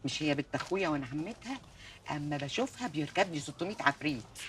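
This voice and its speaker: An actress playing an older, meddling aunt with an Egyptian accent, who talks fast and scolds loudly in a TV drama. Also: female voice, sits low, expressive. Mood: lamenting, gossiping. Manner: scolding, fast, shouting in quarrels. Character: grieving, meddling aunt, loud and quick-tempered.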